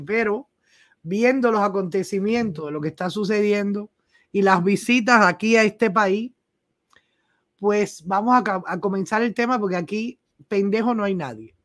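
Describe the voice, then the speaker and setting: A woman from Cuba with a Cuban accent, hosting a live news commentary show in a colloquial, emphatic and sarcastic way. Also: medium pitch.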